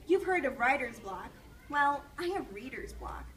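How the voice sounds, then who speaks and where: This is an earnest, reluctant schoolboy from a storybook, acted out by a woman reader. The voice is high and a bit whiny. It sounds set back from the mic, with some faint noise. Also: sing-song, measured pace, fairly bright tone, far from the mic, full character voice. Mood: troubled.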